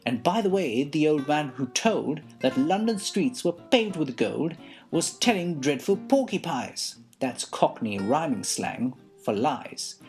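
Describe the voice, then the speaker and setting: A woman narrating a rhyming story in a playful, expressive way. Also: low-pitched, measured pace, faint music behind.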